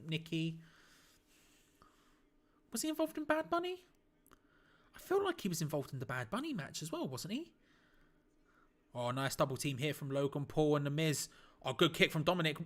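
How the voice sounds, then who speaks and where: Excitable man calling wrestling live. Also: on the high side. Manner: excitable, breaks into shouts at big moves; casual, blunt, swears lightly. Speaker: watch-along streamer. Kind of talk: live play-by-play reaction commentary.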